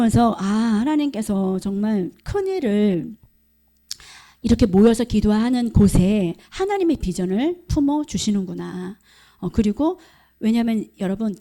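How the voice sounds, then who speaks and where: A woman's voice: medium pitch, mellow. A middle-aged woman pastor preaching a sermon at a prayer meeting, emphatic and questioning the congregation. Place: church hall.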